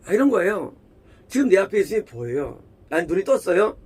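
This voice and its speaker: A man's voice: high voice, very animated, a little fast, a little mellow, husky. A man preaching a sermon as pastor, emphatic, repeating phrases and firing rhetorical questions at the congregation.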